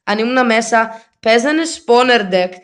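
A young man commenting on his own mobile game match, excitable and self-mocking, often throwing in English exclamations. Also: very high voice, faint music behind. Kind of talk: gameplay commentary.

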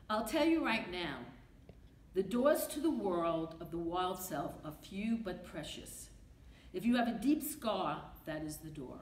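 An older woman with a strong Brooklyn accent reads a poem aloud in a library meeting room, her lowish voice emphatic and rhythmic as she repeats refrains. A podium mic picked up from a distant camera gives an echoey, roomy sound with faint noise.

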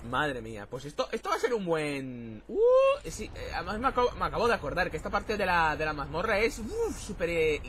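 Excitable swearing gamer guy. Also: fairly high pitch, a little fast, few pauses. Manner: excitable, swears a lot, shouts at the game. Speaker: let's play host. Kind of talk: let's play commentary.

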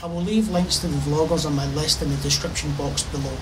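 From under a covered park pavilion, a middle-aged vlogger addresses the camera casually and with enthusiasm, moving his hands as he talks. His voice is on the high side, fairly quick, with fairly even intonation, and there is background noise.

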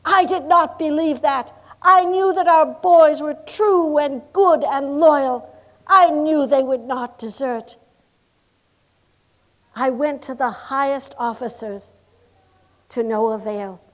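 A high-voiced, earnest 1860s lady, the wife of a governor, played by an actress in a live reenactment, recounts her cause in solemn, impassioned oratory. She speaks slowly and deliberately, stressing each grim detail. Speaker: historical reenactor. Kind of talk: first-person historical monologue.

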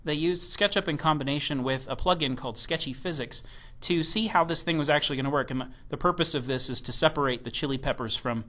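A man giving a recorded keynote presentation about software, enthusiastic and given to joking asides. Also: fairly high pitch, fast.

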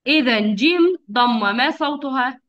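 A woman teaching young children over a video call, with patient, drawn-out enunciation and frequent praise. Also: high-pitched, animated, fairly bright tone. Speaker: kindergarten teacher. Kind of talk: online phonics lesson for young children. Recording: dull lo-fi video call audio.

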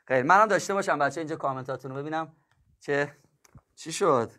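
A man's voice: on the high side, pushed and bright. A male math teacher chatting casually with his students on a livestream, joking and laughing and calling them kids and dear ones. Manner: chatty, jokes and laughs with viewers.

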